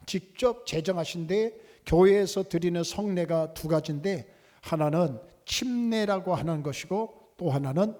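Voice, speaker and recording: A middle-aged male pastor giving a sermon in a church, speaking slowly and deliberately and leading the congregation in call-and-response. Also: sits high, dark tone. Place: church sanctuary.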